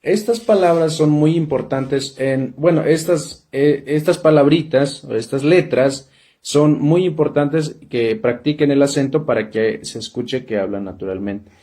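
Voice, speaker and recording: Man, Mexican Spanish accent, casual teacher, slow delivery, repeats drills and checks in often. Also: on the high side, warm tone. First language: Totonac. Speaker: language teacher. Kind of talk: casual spoken lesson.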